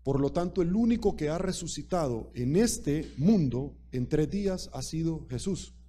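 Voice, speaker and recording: A man's voice: on the high side, expressive, normal speed, warm tone, slight background noise. A man preaching a sermon, speaking emphatically and repeating key phrases while addressing the congregation directly.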